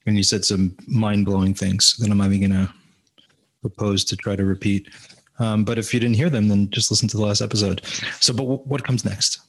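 A man hosting a podcast, talking in a relaxed, conversational way with hesitant fillers, heard on a low-quality recording. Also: a little fast, slightly rough. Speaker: podcast host. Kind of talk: casual study discussion.

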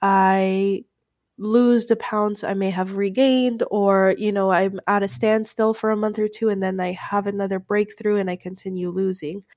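A woman's voice: mid-range voice, little pitch movement, normal speed, darkish tone, dry recording, studio quality. A woman speaking in a casual, chatty way straight to her listeners, often saying "like" and explaining directly and reassuringly. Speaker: weight-loss vlogger. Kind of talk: casual solo talk to camera.

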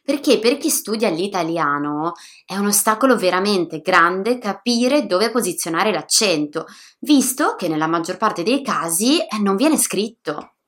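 A woman teaching pronunciation in a lively, upbeat scripted lesson, speaking directly to learners. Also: medium pitch, a little slow. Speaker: Italian teacher.

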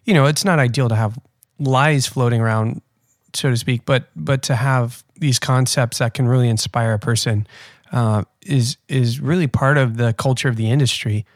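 A man's voice: medium pitch, steady tone, normal speed, dry recording. Podcast host man, dry close voice. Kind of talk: scripted intro then casual interview.

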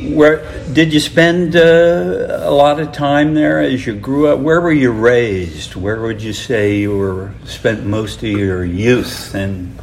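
Slow, halting male interview host. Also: medium pitch, creaky. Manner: halting, many uhs. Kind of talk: casual interview.

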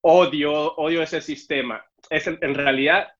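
A young man from Cuba, with a Mexican Spanish accent, narrates his story in a casual interview and dramatizes the dialogue in a raised voice. His voice is a little high and a bit bright, with fairly even intonation and a measured pace, and the recording sounds dull and muffled.

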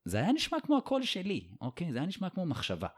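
A man's voice: sits high, wildly swooping pitch, husky, no echo, studio quality. A male podcast host telling a personal story in casual conversation, searching for words and repeating himself as he goes.

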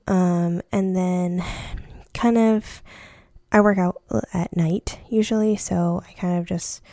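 A woman in her twenties, an orthodontic resident, reflecting on her week in a thoughtful personal vlog with many pauses and fillers. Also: medium pitch, gravelly, mellow, no room sound, clean studio sound. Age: 20s.

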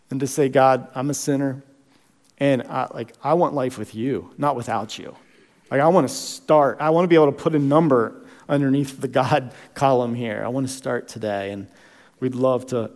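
Earnest pastor preaching in a reverberant church. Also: male voice, medium pitch, darkish tone. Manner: earnest, conversational with frequent restarts. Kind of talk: sermon. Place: church sanctuary.

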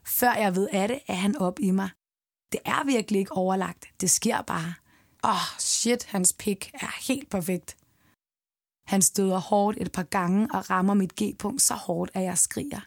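A woman's voice: medium pitch, gravelly, a little mellow, no room sound, clean studio sound. A woman narrating a scripted first-person erotic audio story in an intimate manner, sometimes dropping to a whisper.

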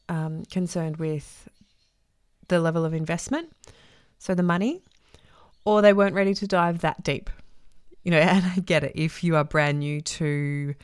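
Talking alone on her podcast, a woman who works as a transformation coach gushes and repeats points for emphasis. A week of coughing has left her low-sitting voice husky, and the studio sound is clean and echo-free.

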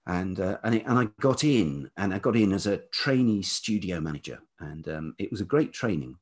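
A writer and producer in his fifties gives a reflective autobiographical interview, thinking back on his life. His velvety, low-pitched voice has lively intonation and a normal speed, and he speaks hesitantly and thoughtfully.

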